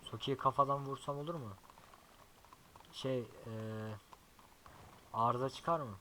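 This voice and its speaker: A young man giving casual gameplay commentary as a YouTuber, chatty and swearing often, talking softly to his horse now and then. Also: medium pitch, slow pace, a little hiss or hum, rough recording. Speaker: gaming YouTuber.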